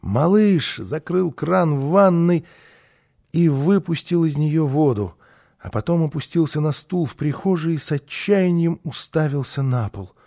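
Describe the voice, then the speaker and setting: A male narrator reads a children's story aloud, his voice sitting a touch higher than most men's. He tells it with lively, expressive phrasing. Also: unhurried, gravelly.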